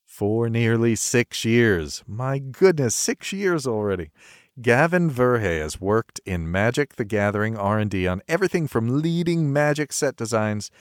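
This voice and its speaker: A man with a buttery smooth voice hosting a podcast with casual, jokey banter. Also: medium pitch, expressive, measured pace, dry recording, clean studio sound. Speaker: podcast host.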